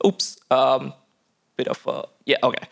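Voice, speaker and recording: A man giving an informal technical conference talk, halting and full of fillers and restarts. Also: medium pitch, completely flat delivery, creaky. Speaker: tech lead giving a conference lightning talk.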